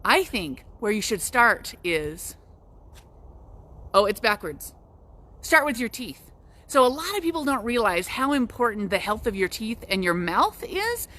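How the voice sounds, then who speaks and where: Woman, young adult, chatty, upbeat, somewhat high-pitched, casual host. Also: big pitch swings, a little slow, sharp tone. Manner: chatty and upbeat, with frequent restarts. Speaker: real estate agent hosting a local business show. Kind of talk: casual live video walk-and-talk.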